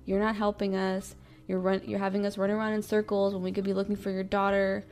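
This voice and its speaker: A woman's voice: medium pitch, completely flat delivery, fast talker, darkish tone, natural voice. A woman quoting a stern male detective who plays the bad cop and presses hard for answers. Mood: demanding. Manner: pressing, demanding.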